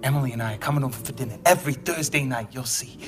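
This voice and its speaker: An actor playing a nervous young bridegroom in a 1940s film, pleading and earnest. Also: male voice, medium pitch, very fast, over music, natural voice. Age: young adult.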